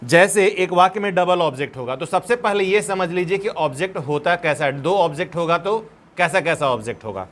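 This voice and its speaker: A man's voice: on the high side, animated, a little fast, fairly bright tone. A man teaching a grammar lesson, patiently dictating examples word by word and asking the students questions. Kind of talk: grammar lesson, explaining step by step.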